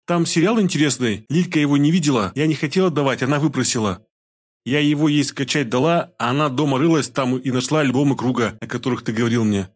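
A woman's voice: rumbling low, fast, voice pushed up. A man voicing a frightened young wife of a gang boss, gabbling in broken, pleading bursts. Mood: tearful explaining.

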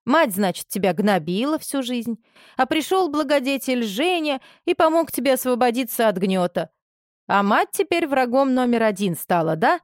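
A woman's voice: on the high side, very animated, moderate pace, dry recording, clean studio sound, pitched above the performer's own voice. A woman voicing a domineering, reproachful middle-aged mother who scolds her grown daughter with indignant questions. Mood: indignant scolding. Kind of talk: audiobook character reading.

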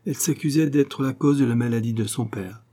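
This audiobook features a man narrating a classic novel; his voice is mid-range, and his reading is expressive while staying measured.

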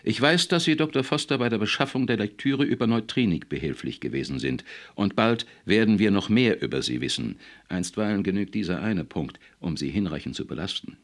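A stern male official with a cool, probing way of speaking, read by a man. The voice sits very low and gravelly, and it moves widely in pitch as he lectures. It comes across as a calm, controlled audiobook character. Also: brisk. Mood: cold.

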